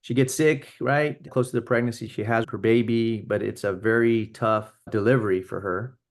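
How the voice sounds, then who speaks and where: A man's voice: lowish voice, steady tone, moderate pace. A man co-hosting a casual talk show, telling a story earnestly with frequent restarts. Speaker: podcast co-host. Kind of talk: casual conversation.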